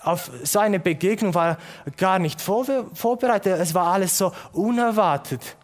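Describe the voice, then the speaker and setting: A male preacher giving a sermon in an earnest way, posing rhetorical questions and slowing down for emphasis. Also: high-pitched.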